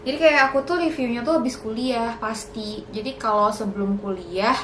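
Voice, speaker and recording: A woman's voice: a little high, steady tone, normal speed, echoey room, a little hiss or hum, poor audio. A young woman in a casual Q&A vlog, chatty and a little nervous, mixing in English words. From Indonesia. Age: young adult. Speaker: YouTuber.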